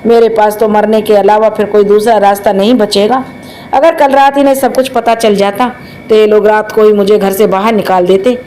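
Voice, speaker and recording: A woman's voice: medium pitch, fairly even intonation, moderate pace, mellow, a little hiss or hum, natural voice, low-quality recording. A woman voicing a grieving young married woman in a storybook tale, speaking in a tearful, sorrowful way.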